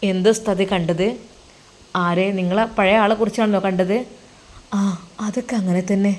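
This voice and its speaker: A warm-hearted male cleric consoling a friend, as a woman reader puts him on, coaxing, reassuring and a little teasing. His voice sits in an everyday middle register and lifts higher when he urges his friend on. It comes across as a spoken storybook role. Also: steady tone, normal speed, natural voice. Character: kindly older male religious teacher, comforting friend.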